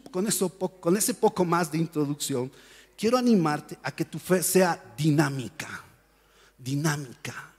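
A male pastor preaching a sermon in a church, telling Bible stories in a lively way and acting out the voices of the people in them. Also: on the high side, husky, big-room sound. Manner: animated storytelling, acts out voices and shouts. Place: church hall.

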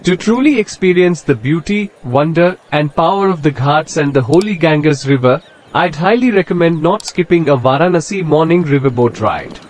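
A man's voice: fairly high pitch, normal speed, slight background noise. Man narrating a travel voice-over. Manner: even, informative guidebook delivery. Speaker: travel vlogger.

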